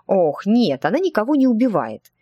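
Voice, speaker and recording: A woman voicing a fussy, talkative middle-aged witch teacher in an audiobook, gently evasive in manner. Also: mid-range voice, very animated, normal speed, no echo, highs cut off, pitched above the performer's own voice. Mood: chatty. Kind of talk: audiobook character voice.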